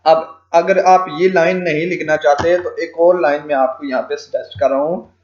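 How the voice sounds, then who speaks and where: A man's voice: a little high, fairly even intonation, moderate pace, a little mellow. A man teaching freelancing in a screen-recorded tutorial, dictating English phrases word by word as he types, with frequent fillers like "ok ji". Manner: frequent fillers "ok ji" and "theek hai". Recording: echoey lo-fi home recording.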